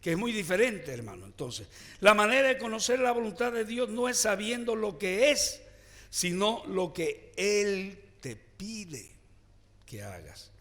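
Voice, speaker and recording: A male pastor preaching a sermon with call-and-response, swinging from loud declarations to hushed lines, in a church. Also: sits high, very animated, unhurried, long reverb tail. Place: church sanctuary, also streamed online.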